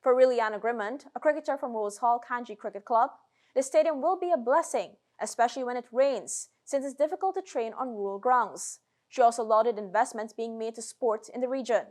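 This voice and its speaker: A woman with a Guyanese accent reading a scripted news report in a measured newsreader delivery. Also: fairly high pitch, darkish tone.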